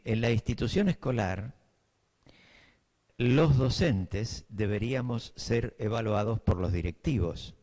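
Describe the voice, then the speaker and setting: A medium-pitched, darkish male voice belongs to a middle-aged porteño teaching a class of teachers. He speaks Buenos Aires Spanish, reasons out loud with fillers, and often asks whether his audience is keeping up.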